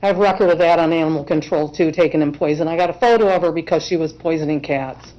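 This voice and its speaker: A woman's voice: low voice, fast, dark tone, slight background noise. Emotional woman testifying in court. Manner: emotional, earnest, insistent. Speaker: self-represented respondent in court. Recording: dull lo-fi courtroom recording.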